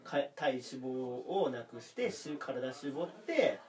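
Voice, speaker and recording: A man's voice: medium pitch, big pitch swings, unhurried, distant mic, crowd noise. A man in his thirties from Aomori with a faint Aomori intonation mixed with Nagoya traces, a comedian rambling through stories in casual podcast chat and laughing often. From Aomori, Japan. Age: 30s. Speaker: comedian co-host.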